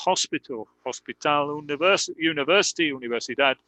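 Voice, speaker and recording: A man teaching in on a live stream, explaining slowly and patiently with many fillers. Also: a little high, bright, forceful tone, no echo, highs cut off. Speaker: English teacher. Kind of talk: live online English lesson in Spanish.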